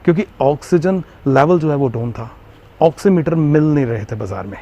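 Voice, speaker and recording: This Covid survivor has a Jammu Hindi accent and a gravelly, dark-toned voice on the high side, with lively intonation and a slightly fast pace. Talking to an interviewer about his illness, he's earnest, repeats himself, and fills his speech with fillers. The recording is slightly muffled, with faint background noise.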